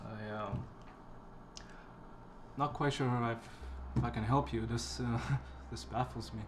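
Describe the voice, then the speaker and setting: A man's voice: mid-range voice, steady tone, unhurried, noisy background, lightly acted. An actor playing a guarded, evasive man in a short film, speaking in a hesitant, controlled way.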